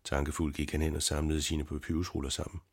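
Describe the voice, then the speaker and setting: Male narrator, audiobook, steady storytelling, very deep, husky.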